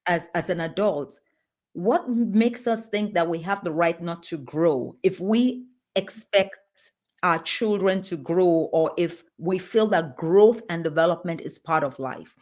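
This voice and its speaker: Woman, lowish voice, earnest, emphatic, restarts phrases, interview guest. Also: unhurried, darkish tone. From Nigeria. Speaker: guest pediatrician and leadership coach. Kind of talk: conversational interview answers.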